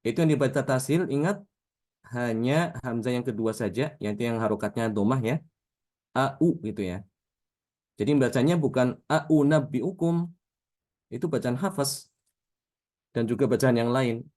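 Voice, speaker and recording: A man teaching Quran recitation rules in a patient lesson, often drawing out example words slowly and checking in with his listeners. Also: mid-range voice, darkish tone. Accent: Indonesian.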